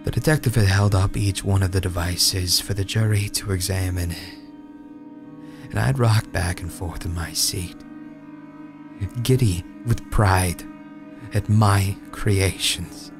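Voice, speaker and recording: A man reading a first-person horror story dramatically, in a brooding, hushed, halting delivery with dramatic pauses. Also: sits low, steady tone, creaky. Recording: music bed under the voice. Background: background music.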